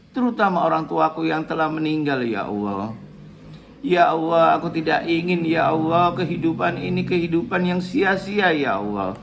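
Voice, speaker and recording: A middle-aged man giving a religious talk, praying aloud in an earnest, pleading way and letting each phrase drop softly at the end. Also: gravelly. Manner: earnest, pleading, ends phrases with soft low "ya Allah". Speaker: Islamic speaker. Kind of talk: religious talk with spoken prayer.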